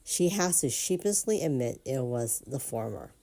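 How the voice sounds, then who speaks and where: Woman narrator, low register, storytelling read with lively amused asides. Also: normal speed. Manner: amused, animated reactions. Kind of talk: reading and reacting to online stories.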